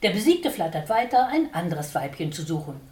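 Woman reading stories aloud with lively expression. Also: fairly low pitch, a little fast. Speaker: reader. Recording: roomy, distant mic.

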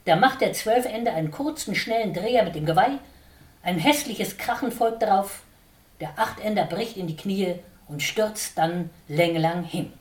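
A woman reading animal and nature tales aloud, her pitch moving a lot as she tells them. She is set back from the microphone, and the room around her rings with echo. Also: normal speed. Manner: expressive, lively storytelling. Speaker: reader. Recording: roomy, distant mic.

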